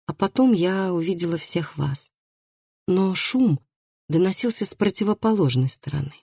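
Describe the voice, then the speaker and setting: A reader voicing a shy young farm girl who speaks in a hushed, half-whispered way. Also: mid-range voice, normal speed, slightly rough, no echo, studio quality, pitched above the performer's own voice. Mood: timid. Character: shy, timid young woman, a farmer's daughter.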